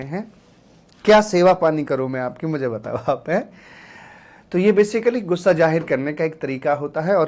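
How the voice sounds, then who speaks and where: A man teaching a live online revision lecture for an accountancy exam. He talks in a chatty, teasing and fond way, repeats key words and uses many fillers, and his voice is rough from a recent cold. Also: a little high, a little mellow. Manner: chatty, teasing, fond, calls students "my child".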